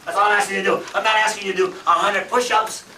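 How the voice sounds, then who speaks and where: A man's voice: high-pitched, steady tone, very fast, sharp tone. Man, 50s, motivational seminar speaker; emphatic, repetitive, rhetorical; echoey room, mic at a distance. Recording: roomy, from far off, faint background noise.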